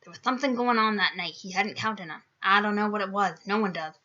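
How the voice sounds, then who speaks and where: A woman voicing a big gruff, kindly male giant gamekeeper, loud and rustic in a dull lo-fi recording. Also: mid-range voice, fast, close to an everyday voice. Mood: gruff, warm. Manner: loud rustic dialect speech.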